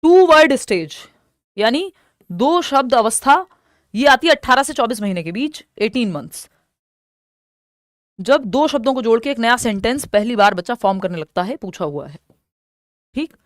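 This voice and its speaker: A young woman with an Indian accent teaching an exam-prep lesson. She explains step by step, repeats key terms slowly and asks questions that she answers herself. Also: a little high, lively intonation, no room sound, clean studio sound.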